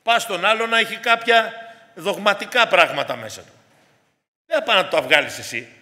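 A man's voice: high-pitched, lively intonation, sharp tone. A man preaching a sermon in an earnest way, often calling out to his congregation as dear brothers and sisters. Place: church hall. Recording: long hall reverb.

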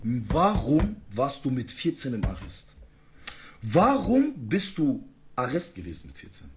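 A man's voice: medium pitch, wildly swooping pitch, measured pace, background noise. A man ranting heatedly in a live-stream argument, full of street slang.

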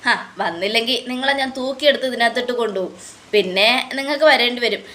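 A woman's voice: on the high side, quick pace, pushed and bright, a little hiss or hum. A woman voicing a vengeful young man who mocks and accuses his enemy in a retold TV serial. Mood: mocking. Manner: mocking, accusing. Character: young man, vengeful and sarcastic toward villain.

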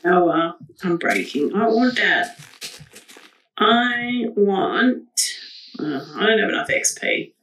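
A woman chatting casually while playing a game, laid-back and drawn-out in her delivery. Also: mid-range voice, expressive, a bit bright, slight background noise, poor audio. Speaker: gamer. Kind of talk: casual gaming chat.

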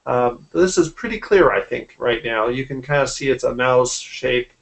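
A gravelly, medium-pitched voice belongs to a man in his forties, a graphic artist, who describes his work casually at a moderate pace. He's being interviewed over a video call from home, heard through his computer's mic.

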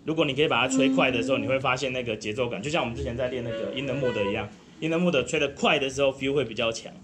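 A man's voice: mid-range voice, rapid-fire, a crowd in the background. A man with a Taiwanese Mandarin accent teaching a group saxophone lesson, patient and encouraging, counting the class in. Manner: patient, counts in and sings demonstrations.

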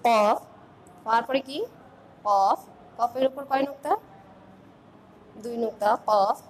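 A woman teaching an online class with a Bangladeshi Bengali accent, calling out letters one by one and asking her pupils questions as she goes. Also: on the high side. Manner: slow, drilled recitation of letters with questions to pupils.

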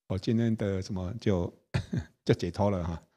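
A man's voice: low-pitched, steady tone, slow, dark tone. A man, a Buddhist monk teacher, giving a dharma talk with anecdotes, chatty, laughing and checking whether the audience follows.

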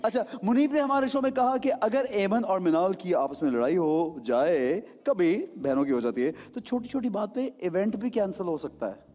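A man's voice: sits high, animated, normal speed, hardly any pauses, warm tone, in a large hall, faint music behind. A man hosting a talk show with a Pakistani Urdu accent, teasing his guests and mixing in English phrases. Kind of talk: playful studio chat.

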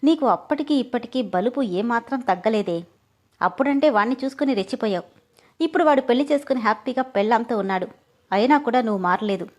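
A woman's voice: fairly high pitch, animated, fast, a little mellow, natural voice. A woman voicing a playful young man who mocks and teases in a storybook reading. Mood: teasing. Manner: mocking and playful. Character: teasing, joking young man.

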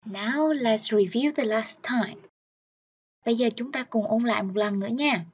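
A woman teaching the alphabet to children. She pronounces each word slowly, repeats it, and praises the listener. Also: on the high side, slightly rough. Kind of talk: slow pronunciation drill. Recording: dull lo-fi sound.

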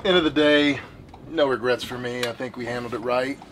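A man's voice: medium pitch, steady tone, a little fast, close to an everyday voice. A man playing a self-righteous, bumbling officer in a comedy skit, earnest and preachy, with vehicle and outdoor noise behind.

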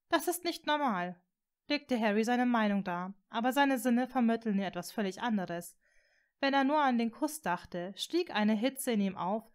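Woman calmly narrating a fan story. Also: on the high side. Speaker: reader of fan fiction. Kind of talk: audiobook narration.

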